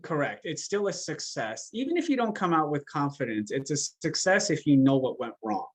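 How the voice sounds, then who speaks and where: A man, a coach and podcast guest, telling a story in an animated, emphatic way and acting out what people said. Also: a little high, normal speed. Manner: animated, emphatic storyteller who acts out quotes. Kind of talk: conversational storytelling. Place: podcast interview.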